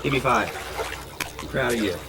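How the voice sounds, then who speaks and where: A man's voice: medium pitch, normal speed, rough recording. A middle-aged man teaching a child to swim, counting strokes aloud and calling out encouragement at a pool. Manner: encouraging, counts out loud in bursts; raises voice when child's ears are under water. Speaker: swim instructor. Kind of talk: instructional coaching. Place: indoor swimming pool.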